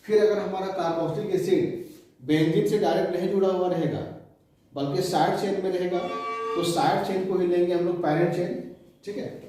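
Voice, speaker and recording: A man teaching chemistry, who repeats key terms slowly and asks his students questions. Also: high-pitched, steady tone, background noise. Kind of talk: classroom lecture. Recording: echoey room, voice from a distance.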